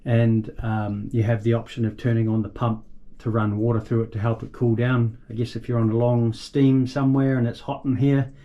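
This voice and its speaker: A man giving a casual, unscripted walkthrough of a boat's engine room, halting a little as he thinks aloud and points things out. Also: medium pitch, little pitch movement, mellow, dull audio. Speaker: boat owner giving a tour. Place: small boat engine room.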